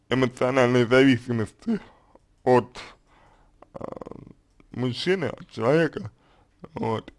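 A man answering a listener's question as a consultant, unscripted, calm and hesitant, with many fillers and restarts. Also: medium pitch. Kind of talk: unscripted spoken advice.

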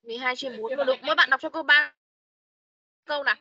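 A woman teaching an online English class over a video call, coaching and correcting her pupils quickly. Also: sits high, crowd noise. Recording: dull online meeting audio.

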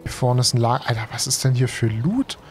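This young man from Germany is streaming a let's play at home while under the weather and tired, speaking into a headset with faint game music underneath. His medium-pitched voice has lively intonation and a fairly quick pace as he chats loosely in slang, thinking aloud with plenty of fillers.

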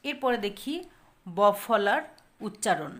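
An expressive woman with a mid-range voice teaches a grammar lesson on pronunciation. She answers her own questions and repeats example words at a slow pace.

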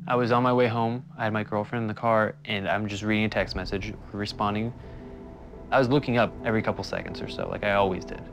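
A young man giving a quiet, remorseful documentary testimony. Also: on the low side, steady tone, fast. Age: young adult. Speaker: interviewee. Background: soft guitar music.

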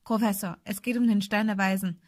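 A woman's voice: medium pitch, fairly even intonation, brisk, a little mellow, no room sound, studio quality, lightly acted. A woman voicing a brave, desperate young schoolboy wizard who talks urgently and pleadingly.

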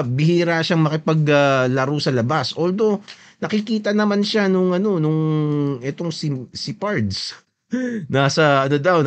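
A man with a slightly raised pitch hosts his own podcast and talks loosely through a video he is watching. He switches between Tagalog and English mid-sentence and keeps turning to the listener for agreement. His delivery is offhand, easy commentary. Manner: mixes Tagalog and English, often seeks agreement with a questioning tag. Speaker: podcast host.

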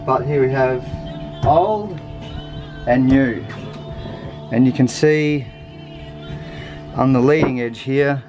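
A man in his forties on a sailboat, talking through an engine repair at a relaxed pace with plenty of ums. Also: medium pitch, muffled recording. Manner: relaxed, matter-of-fact, hesitant with ums. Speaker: sailing vlogger. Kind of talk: casual how-to narration. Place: aboard a sailboat, engine bay and deck outdoors. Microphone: handheld action camera.

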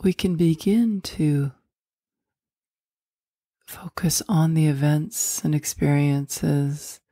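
A woman leading a guided meditation in a soft, soothing voice that often drops into a whisper. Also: low voice, no echo, studio quality.

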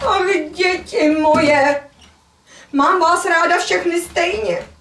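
Woman playing a high-voiced, chiding mother goat. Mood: gently chiding. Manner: gently chiding, lamenting puppet-theatre voice. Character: caring, scolding mother goat. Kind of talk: puppet theatre fairy tale. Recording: echoey stage, distant mic, faint noise.

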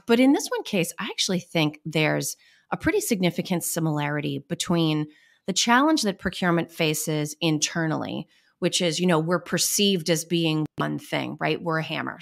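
A woman with a Boston accent hosting a podcast, chatting in quick, lively bursts with her guests. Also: sits low, vocal fry. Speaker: podcast host. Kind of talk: casual interview chat.

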